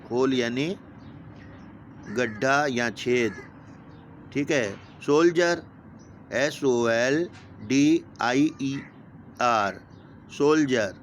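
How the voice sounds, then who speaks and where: A man's voice: medium pitch, slight background noise. A man teaching a vocabulary lesson to young pupils, patiently spelling each word letter by letter and giving its meaning. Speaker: school teacher.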